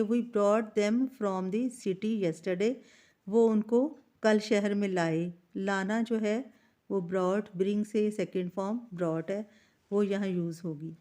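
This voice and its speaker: A woman teaching an English workbook lesson, explaining each answer step by step and reading the English sentences aloud slowly. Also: medium pitch, warm tone.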